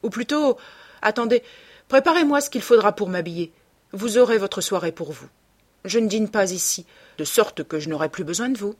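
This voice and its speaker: Brisk commanding young gentleman, as a woman voices him. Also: mid-range voice, lightly acted. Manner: brisk, commanding, lightly airy. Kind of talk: audiobook character reading.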